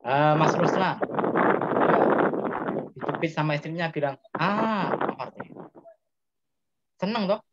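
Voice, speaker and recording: A man's voice: fairly high pitch, unhurried, long pauses, muffled recording, heavy background noise. A man with a Javanese accent teaching a class and quizzing his students as he explains. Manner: asks students questions, explains step by step. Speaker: Islamic grammar teacher. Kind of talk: interactive classroom lesson.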